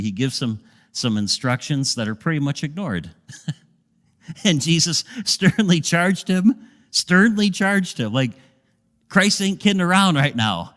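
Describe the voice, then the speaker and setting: A male pastor preaching a sermon with a lively, playful delivery and occasional humorous asides. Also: medium pitch, in a large hall.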